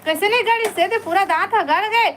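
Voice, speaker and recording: A woman's voice: very high voice, fairly quick, a bit bright, slight background noise. A woman with a Chhattisgarhi accent chatting casually on a live stream, coaxing viewers to stay and like the stream. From Chhattisgarh, India.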